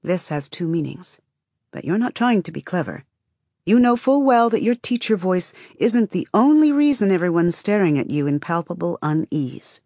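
A woman's voice: fairly low pitch, a little mellow, dry recording. A woman reading scripted fiction as an audiobook narrator, with dramatic delivery.

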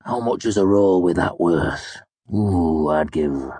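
A man doing a loud drunken mercenary brute. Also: sits low, animated, takes it slowly, husky, no echo, full character voice. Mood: bawdy jeering. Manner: loud, bawdy, guffawing. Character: big drunken boisterous male mercenary.

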